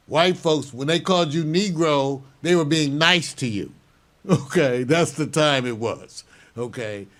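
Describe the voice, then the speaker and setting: An older man hosting a show, giving measured, opinionated news commentary and chuckling now and then. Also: on the high side, fairly bright tone. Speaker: show host.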